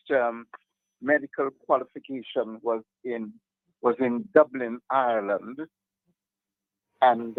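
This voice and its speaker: An older man from Trinidad, a psychiatrist, talks slowly and hesitantly as a guest on a phone interview. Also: mid-range voice, dry recording. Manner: slow, hesitant, measured. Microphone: phone line. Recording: tinny phone line.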